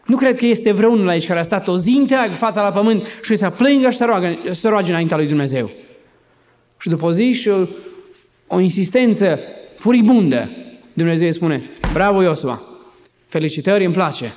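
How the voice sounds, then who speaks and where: A man's voice: sits high, animated, a little mellow. A male pastor preaching an emphatic, dramatic sermon in a church. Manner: emphatic, dramatizing with acted voices.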